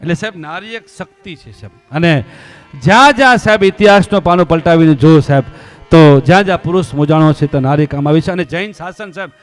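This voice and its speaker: Man, devotional storyteller, fairly high voice, faint music under him, acts out the characters, quiet to loud. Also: quick pace. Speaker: religious storyteller.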